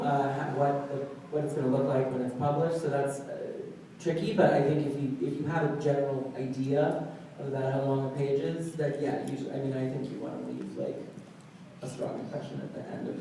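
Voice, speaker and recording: Brief: a soft-spoken male agent, mellow, heard in a very echoey room. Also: medium pitch. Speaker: literary agent on a panel. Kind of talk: panel discussion. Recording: echoey room, distant mic, faint noise.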